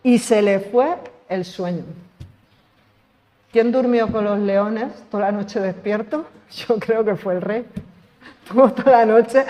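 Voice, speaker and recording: A preacher with a Spain Spanish accent delivers a conversational sermon in an echoing church hall, his mid-range voice a little mellow. He poses rhetorical questions to the congregation as he goes.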